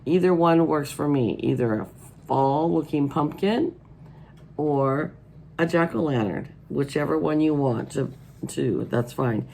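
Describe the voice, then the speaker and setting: A middle-aged American woman with a hoarse, allergy-congested voice, chatting casually as host of a hobby vlog. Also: low-pitched, measured pace, darkish tone, a little hiss or hum, poor audio. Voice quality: froggy, hoarse. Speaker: host of a colouring channel. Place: indoors at a wooden table.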